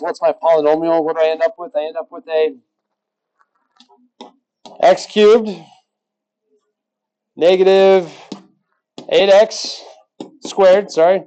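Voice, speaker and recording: Male math teacher, fairly high voice, mellow tone, teasing question-and-answer lesson style. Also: clear, resonant tone, dull audio. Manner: quizzes the class with rhetorical questions, joking. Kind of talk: recorded classroom lesson.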